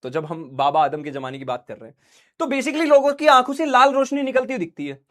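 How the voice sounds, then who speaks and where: A man's voice: very high voice, sing-song, a little fast, fairly bright tone. A male teacher giving a casual, joking lecture, chatty and full of asides and questions to the class. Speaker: online teacher.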